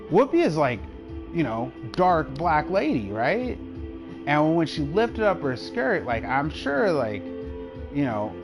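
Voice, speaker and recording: A young man chatting over a live game stream in a loose, rambling way, laughing often. His voice is a bit higher than most men's. Faint music plays behind him. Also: rough recording. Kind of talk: casual chat while gaming.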